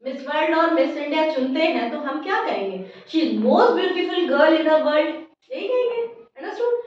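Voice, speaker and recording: A woman teacher explaining grammar slowly in a classroom lesson, often checking whether her students have understood. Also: sits high, animated. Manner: addresses listeners as "beta" in a motherly teacher way. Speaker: English teacher. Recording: echoey room, distant mic, dull sound.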